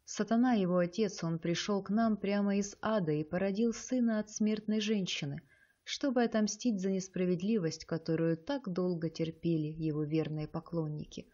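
Woman narrator doing an old cult leader man in an audiobook, solemn and booming, dark mellow voice, kinda dull lo-fi sound. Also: steady tone, moderate pace, natural voice. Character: elderly male cult leader, solemn and sinister.

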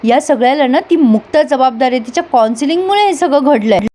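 A woman's voice: sits high, animated, fast, dark tone. A woman voicing a bitter scheming woman, speaking in a defensive, complaining, blaming way. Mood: resentful. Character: bitter scheming woman, resentful and quick to blame.

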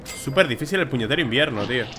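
Music plays behind this young man from Spain as he gives rapid, animated gameplay commentary in a Spanish accent. He has a mid-range voice and mutters to himself while playing, grumbling and letting out exclamations.

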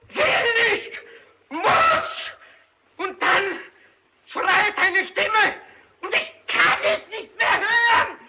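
Haunted killer, high and bright, slow broken pleading, dull early film sound. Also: male voice, creaky, heavily acted. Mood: frantic. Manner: desperate, broken, rising to frantic screams. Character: hunted, tormented male child killer pleading before a mob. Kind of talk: 1930s film drama acting.

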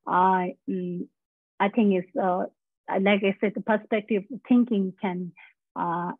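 A woman whose first language is Tibetan tells family stories haltingly, often pausing to hunt for the right word. Her voice is husky and comes through a thin, phone-like video call line. Her pitch sits mid-range for a woman. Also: fairly even intonation, no echo. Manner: halting, searching for words, many fillers. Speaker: guest speaker, Tibetan medicine doctor. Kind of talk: personal storytelling in a talk.

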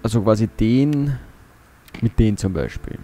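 A man's voice: on the low side, big pitch swings, a little slow, warm tone, faint music behind. A man giving casual gameplay commentary as a let's play host, muttering to himself as he thinks aloud.

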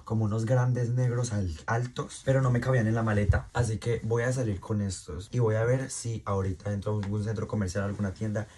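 A man's voice: fairly low pitch, little pitch movement, brisk, hardly any pauses, dark tone, a little hiss or hum. A man from Colombia with a Colombian accent, chatting jokily in a casual travel vlog and now and then bursting into shrieks. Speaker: vlogger.

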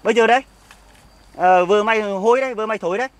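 Guy acting as a jealous boozy husband, northern vietnamese accent, fast and sarcastic. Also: sits high, close to an everyday voice. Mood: taunting. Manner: shouting, taunting, sarcastic. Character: jealous, hard-drinking husband, scornful and accusing. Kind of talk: amateur skit acting. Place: outdoors in an orchard.

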